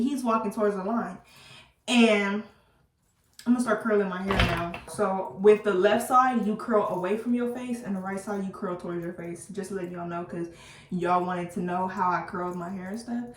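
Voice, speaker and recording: A woman telling a storytime to her viewers while doing her hair, chatty and animated, laughing at herself and using casual slang. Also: mid-range voice, slight background noise. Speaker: beauty vlogger. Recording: roomy, slightly distant mic.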